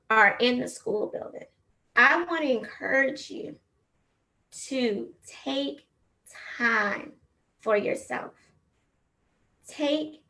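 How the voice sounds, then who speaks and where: A woman teacher shares her personal story over a video call, slow and earnest. Her voice is gravelly and slightly high, and she speaks in an encouraging tone. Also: bright, forceful tone. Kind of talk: personal testimony speech.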